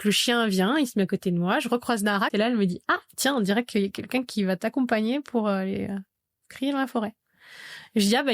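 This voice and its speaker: A woman's voice: medium pitch, dry recording, studio quality. A woman in her thirties, a podcast guest telling a personal story and vividly acting out remembered dialogue. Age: 30s. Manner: vivid narrator who acts out remembered dialogue.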